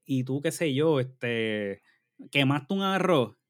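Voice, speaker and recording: A man's voice: medium pitch, lively intonation, no echo, clean studio sound. A man in his thirties with a Puerto Rican accent, co-hosting a podcast in casual, profane banter. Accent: Puerto Rican Spanish. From Puerto Rico. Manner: profane, emphatic, quick banter. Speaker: podcast co-host. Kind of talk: casual chat.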